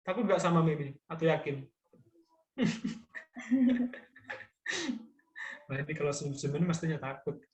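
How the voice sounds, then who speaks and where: A man's voice: fairly high pitch, steady tone, fast. A man from Madura with a Javanese-tinged Indonesian accent, chatting casually and jokingly as a public speaking trainer on a video call. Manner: chatty, joking, keeps tagging phrases with fillers. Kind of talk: casual online training talk. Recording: echoey room.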